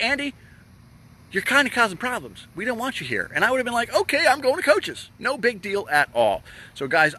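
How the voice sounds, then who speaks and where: A man who owns a gun store, talking on a live video stream in an emphatic, animated way and repeating his points for emphasis. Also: fairly high pitch. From Florida.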